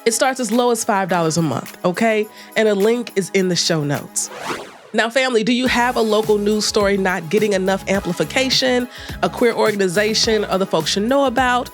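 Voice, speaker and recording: A woman's voice: medium pitch, a little fast, faint music behind. Stuffed-up woman hosting a news podcast. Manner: warm direct address, says "family" and "okay". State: stuffed up, congested. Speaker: podcast host.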